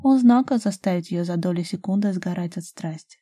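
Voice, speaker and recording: A woman reading a romance novel aloud as an audiobook narrator, in a soft, intimate, even manner. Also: lowish voice, a little fast.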